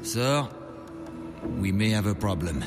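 A loud French explosives man. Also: on the low side, lively intonation, slow pace, big-room sound, loud music behind the voice. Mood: worried. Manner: shouting orders. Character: brash male French heist explosives man. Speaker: demolitions expert. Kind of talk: video game acting.

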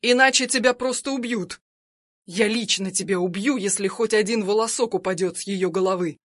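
A woman voicing a desperate husband who pleads with an armed woman and shouts urgent threats to save his wife. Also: mid-range voice, normal speed, dry recording, clean studio sound, natural voice. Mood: urgent, pleading.

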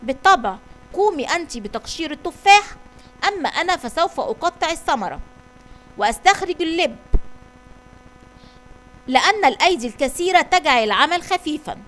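A woman's voice: sits high, expressive, a little fast, pauses often, fairly bright tone, a little hiss or hum. A woman reading the lines of a kind, patient mother in a children's story, tender and wise.

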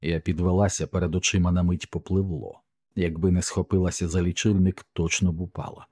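A man narrating an audiobook in a measured, somber storytelling manner on a close mic. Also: low-pitched, flat delivery, dark tone, no room sound.

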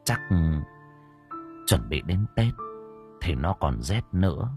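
A man narrating an audiobook in an expressive, dramatic storytelling manner. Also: low-pitched, takes it slowly. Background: faint music.

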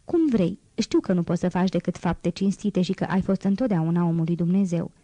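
A woman reader voices a devoted old gardener who chatters on in a dark, warm, fairly low natural voice, sounding humble and eager to help. The recording is close and dry.

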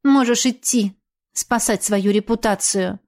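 A woman's voice: medium pitch, a little slow, darkish tone, natural voice. A woman voicing a proud young woman in an audiobook, prim and hostile in manner. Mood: cold, hurt. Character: prickly, proud young woman, cold and hurt. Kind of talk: audiobook character voice.

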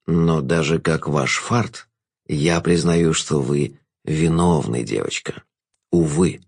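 A man doing a sly, low-voiced jester villain. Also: slow, vocal fry, a little mellow, slightly rough, no echo, clean studio sound, heavily acted. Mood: sly, mocking. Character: scheming sly male jester villain, mocking.

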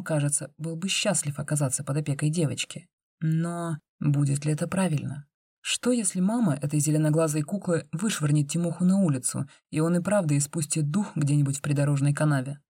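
A woman narrating an audiobook in an even, measured way. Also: low-pitched, breathy edge, no echo, clean studio sound. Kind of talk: audiobook reading.

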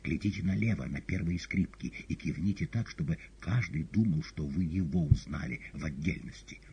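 A man's voice: low-pitched, vocal fry, mellow, lo-fi sound, slight background noise. Sly whispering demon retainer, as a male narrator puts him on. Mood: urgent whisper. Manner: hurried, insistent whispering.

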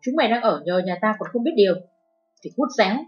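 A gruff older father-in-law barks curt orders, as a woman narrator voices him. The recording is dull and lo-fi, with faint music running beneath. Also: medium pitch, animated, fast, natural voice. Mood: scolding. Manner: curt, scolding.

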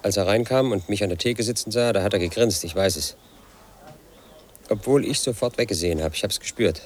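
A man's voice: lowish voice, darkish tone, close to an everyday voice. An actor in his late thirties playing a lonely, suspicious house painter, speaking a bitter inner monologue in a radio drama. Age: late 30s. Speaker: protagonist narrating his life.

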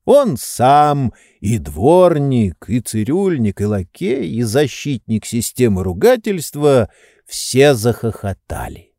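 A man narrating a classic novel as an audiobook, reading in a measured, expressive way. His pace is unhurried and his tone mellow. The recording is dry and close. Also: medium pitch, no room sound.

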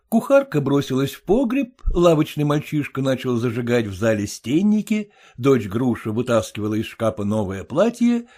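A male narrator reads at a measured pace, with a mellow, dark voice. His pitch moves a lot as he reads. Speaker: audiobook reader. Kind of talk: scripted narration.

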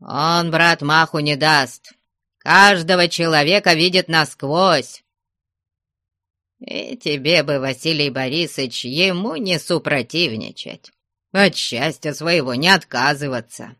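An older villager lectures and coaxes with steady insistence, as a male narrator puts him on. The pace is slow and the sound dry and close. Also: on the high side, dry recording, exaggerated voice. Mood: persuading. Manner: urging, admonishing.

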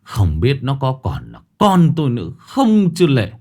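Gruff elderly father, voiced by the narrator, low and weary, snaps when pushed. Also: big pitch swings, measured pace, mellow, heavily acted. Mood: angry. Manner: gruff, snapping. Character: stern, worn-out elderly father.

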